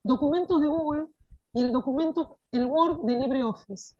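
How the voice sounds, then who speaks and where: A woman's voice: high-pitched, normal speed, dry recording, highs cut off. A woman giving an online teacher-training lecture, often asking "¿sí?" to check that her listeners follow. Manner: explanatory, frequent checking "¿sí?". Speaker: course instructor.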